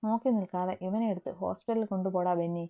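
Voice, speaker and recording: A woman's voice: lowish voice, fairly even intonation, fast, highs cut off, lightly acted. A woman voicing a hot-tempered young college man who barks harsh orders, in a storybook reading. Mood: cold threat.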